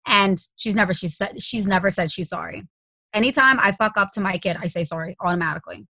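Bright, blunt, cursing woman. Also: medium pitch, fast, no room sound, rough recording. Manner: blunt, profane, emphatic. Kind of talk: casual conversation.

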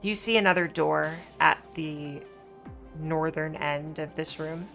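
A woman's voice: low voice, slow, vocal fry, a bit bright, faint music behind. A woman running a tabletop game as game master, describing scenes in an easygoing way with fillers.

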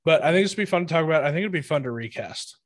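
A man's voice: a little high, rapid-fire, no room sound. Podcast host guy rambling casually, lots of ums, dry mic. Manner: relaxed, chatty, many fillers. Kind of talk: casual chat.

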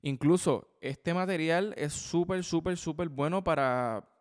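Drum teacher a resonant voice. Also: male voice, a little high, measured pace. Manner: explains with frequent "ok?" and "¿verdad?" checks, counts sticking aloud. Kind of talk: instructional video lesson. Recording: long hall reverb.

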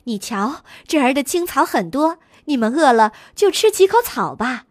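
Woman doing a gentle mother sheep. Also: high voice, big pitch swings, moderate pace, dry recording, studio quality. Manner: gentle, soothing.

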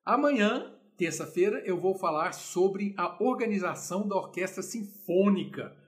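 A man from Brazil giving an informal music lesson, retelling the story in a lively way and acting out the quotes. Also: high voice, moderate pace. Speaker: music lecturer.

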